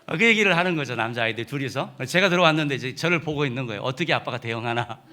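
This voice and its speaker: Bright-voiced pastor preaching, halting fillers. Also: male voice, medium pitch, lively intonation, slight background noise. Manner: emphatic preaching with many filler "uh"s. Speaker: senior pastor. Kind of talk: sermon.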